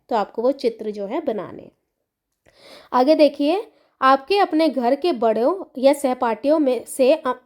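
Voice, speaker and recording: Woman teacher walking little kids through a lesson, slow and patient, keeps checking they get it, a bit high-pitched. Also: darkish tone. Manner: slow, patient, repeats key words and asks "है ना". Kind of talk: explaining a textbook chapter to children.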